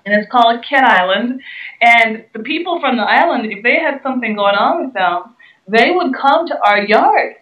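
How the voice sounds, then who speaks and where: A woman from the Bahamas speaks earnestly, stressing and repeating her key words. Her voice sits a little high and comes from away from the mic. The room is echoey and the sound is dull. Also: animated, normal speed, fairly bright tone. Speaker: guest speaker and entrepreneur. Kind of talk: interview answers. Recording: roomy, distant, dull sound.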